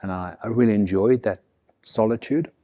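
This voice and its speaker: A man's voice: lowish voice, moderate pace, dark tone. A middle-aged man from South Africa, telling stories as an interview guest in an indoor workshop, reflective, often repeating words as he starts a sentence. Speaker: guest, vehicle consultant and expedition leader. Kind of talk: relaxed storytelling in an interview. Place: indoor workshop with a vehicle behind.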